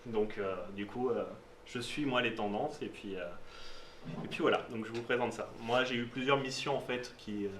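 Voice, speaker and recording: A man's voice: medium pitch, normal speed. A man giving a live technical talk at a meetup, speaking informally and hesitantly with many fillers and asides. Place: meetup room. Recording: roomy sound, distant mic, faint noise.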